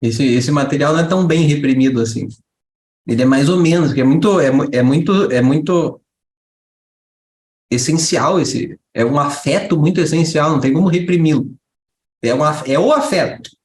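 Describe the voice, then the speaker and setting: Animated high-voiced man teaching spirituality. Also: normal speed, roomy sound. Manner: animated, acts out child and mother voices, rhetorical questions. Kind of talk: lively spiritual talk to a live group.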